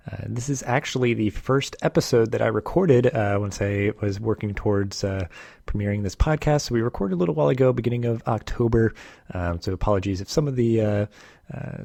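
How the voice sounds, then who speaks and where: Low-voiced relaxed podcast host man. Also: creaky, no room sound, clean studio sound. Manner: relaxed, many fillers. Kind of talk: casual podcast intro and interview.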